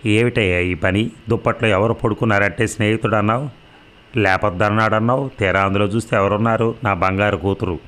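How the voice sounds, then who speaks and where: A man's voice: fairly low pitch, fairly even intonation, fairly quick, a bit bright, close to an everyday voice. A man voicing a hot-tempered, haughty young heir who speaks angrily and accusingly in an audio story. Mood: angry accusing. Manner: angry, accusing.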